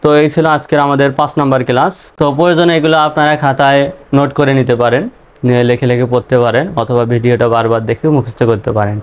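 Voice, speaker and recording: A man teaching English vocabulary in a slow lesson, spelling words out letter by letter and repeating each meaning patiently. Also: medium pitch, level tone, clear, resonant tone.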